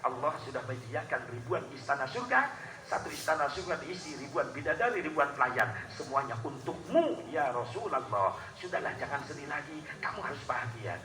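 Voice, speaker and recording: A man, voicing a gentle male angel messenger in a sermon retelling. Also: a little high, sing-song, brisk. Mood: consoling. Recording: echoey hall with crowd.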